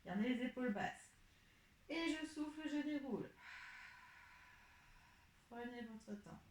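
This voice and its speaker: A woman guides a pilates class, calling out each inhale, exhale and movement at an unhurried pace. Her voice sits a little high. The room around her is noticeably echoey. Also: slight background noise. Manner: calm step-by-step cueing of breath and movement. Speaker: pilates instructor. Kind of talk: guiding an exercise class.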